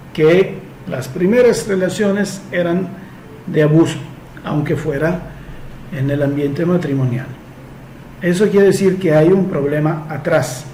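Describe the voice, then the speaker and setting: A man whose first language is Italian hosts an advice segment, reading a listener's letter and answering it in an echoey room. His voice is on the high side and a little mellow, with slight hiss or hum. He explains things patiently, using homely comparisons.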